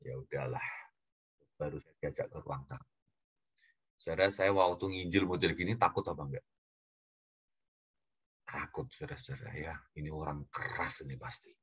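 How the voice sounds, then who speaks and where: A man preaching to a congregation, telling a story in a lively way with frequent chuckles. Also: very deep voice, moderate pace, long pauses, breathy edge. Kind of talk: sermon storytelling.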